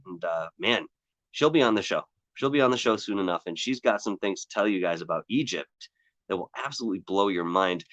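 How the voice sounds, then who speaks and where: A man's voice: on the low side, fairly bright tone, no echo, lo-fi sound. A tired man hosting a live stream outdoors, chatting casually in a rambling way and greeting viewers by name. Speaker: paranormal show host. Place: outdoors on hills.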